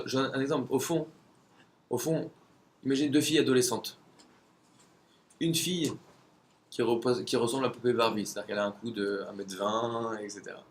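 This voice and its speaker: A man's voice: mid-range voice, a little fast, long pauses, slight background noise. A man giving a conversational religious lesson, asking rhetorical questions and sometimes searching for words.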